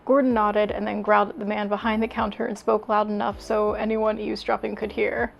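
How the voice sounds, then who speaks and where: A woman's voice: medium pitch, little pitch movement, a little fast, gravelly, faint music behind, poor audio. A young adult woman doing a comedic reading of fanfiction, self-deprecating, sweary and exasperated as she reads aloud. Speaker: YouTuber.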